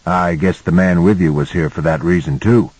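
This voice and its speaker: A reassuring man in his sixties in a recorded novel, as a male narrator voices him. He talks in a hushed, steady way with a low, slightly husky tone. The reading is close and dry. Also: normal speed, no echo, low-quality recording. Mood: calm. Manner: hushed, urgent then steady.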